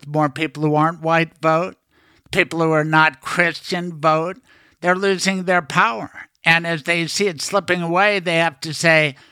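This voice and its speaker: A man's voice: a little high, sharp tone, clean tone, no room sound, studio quality. A middle-aged man hosting a podcast, chatting casually with a guest, telling anecdotes and giving strong opinions. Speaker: podcast host. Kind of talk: casual interview chat.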